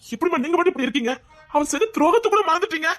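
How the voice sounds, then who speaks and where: Hurt grown son voiced by a woman, pleading, accusing, quick, bright. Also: extremely high pitch, animated. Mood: bitter. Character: angry, hurt grown son, bitter toward his father. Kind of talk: dubbed serial drama.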